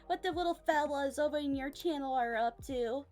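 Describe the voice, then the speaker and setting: A woman's voice: sits high, brisk, a little mellow, soft background music. A young woman hosting a stream, chatting casually and reading a book aloud, stumbling over hard words. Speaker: streamer and host.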